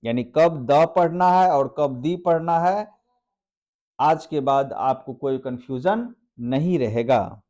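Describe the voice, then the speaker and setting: A man teaching English grammar in a video lesson, asking himself questions and answering them, drawing out each example word slowly. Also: medium pitch, mellow. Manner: slow and deliberate, asks questions then answers them; spells out example words slowly. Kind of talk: classroom-style video lesson.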